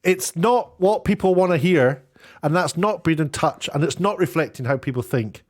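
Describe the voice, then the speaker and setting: A British male YouTube commentator speaks at normal speed in a fairly high, expressive voice. He is casual and opinionated, delivering sarcastic, mocking remarks with an incredulous, exasperated edge.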